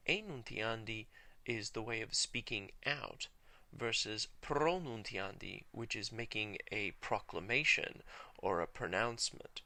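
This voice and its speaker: A man with a low, gravelly voice explains Latin in a video lesson. He speaks in a measured, careful way and slows down to sound out key words. The recording is dry and close, and his tone has a bright edge. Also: no room sound. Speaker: Latin teacher.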